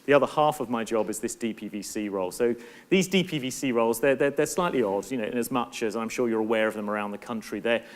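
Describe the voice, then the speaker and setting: A middle-aged man giving a conference talk as a university professor, earnest and thoughtful, often restarting and repeating words. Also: fairly low pitch. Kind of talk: conference presentation.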